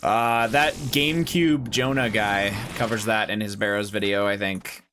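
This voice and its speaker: A man's voice: lowish voice, fairly even intonation, a little slow, sharp tone, slight background noise. A man streaming a game and chatting casually with his viewers, swearing and joking as he plays. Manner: loose, swearing, joking with chat. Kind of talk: casual live-stream chat.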